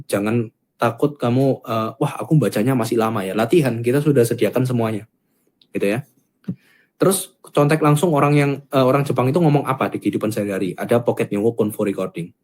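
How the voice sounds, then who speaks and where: Casting: male course founder, rapid chatty pitch, mid-range voice. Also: darkish tone. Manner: chatty, fillers like gitu ya. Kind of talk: casual sales pitch.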